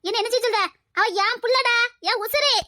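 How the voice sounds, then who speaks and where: A woman's voice: very high voice, a little fast, bright, forceful tone, no room sound, clean studio sound. A woman playing a scheming mother-in-law who scolds her son, in a Tirunelveli Tamil accent. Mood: scolding. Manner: sly, scolding.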